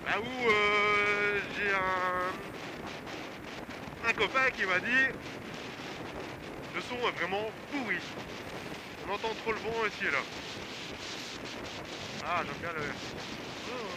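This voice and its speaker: A man chatting casually and haltingly in a raised voice as he vlogs from a motorcycle, with slangy wording. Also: high voice. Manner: slangy, mildly swearing, hesitant. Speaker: motorcycle vlogger. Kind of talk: casual rambling vlog chat while riding. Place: outdoors, riding a motorcycle. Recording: loud wind and engine noise on helmet mic.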